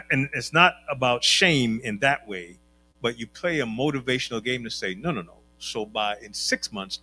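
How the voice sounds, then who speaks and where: A man's voice: medium pitch, sharp tone, slight background noise. A man on a church panel, explaining his point reflectively and laughing easily.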